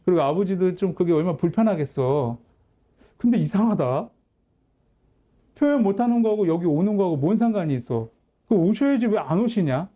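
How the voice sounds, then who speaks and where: Candid Korean pastor telling a family story. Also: male voice, sits high, expressive, a little fast, dark tone. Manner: candid, conversational storytelling with quoted dialogue. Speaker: pastor and counselor. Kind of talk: storytelling sermon.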